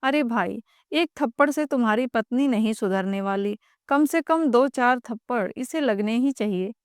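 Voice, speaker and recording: A woman's voice: a little high, animated, normal speed, smooth, no room sound, studio quality, lightly acted. A woman voicing a lazy, scheming young sister-in-law who talks in a mocking, shameless way. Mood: taunting.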